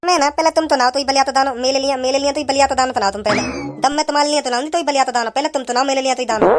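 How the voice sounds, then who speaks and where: A performer voicing a cheeky young cartoon girlfriend with a heavy lisp, in a high voice. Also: rapid-fire, faint music behind, natural voice. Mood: coaxing. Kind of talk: comic cartoon voice acting.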